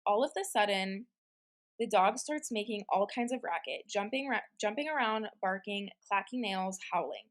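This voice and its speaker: A woman with an average-pitched voice co-hosts a relaxed, chatty show of scary stories. She is conversational and giggly, and she leans on "like" as she reads and reacts. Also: normal speed. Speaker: podcast co-host. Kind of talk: casual chat and reading listener-submitted scary stories.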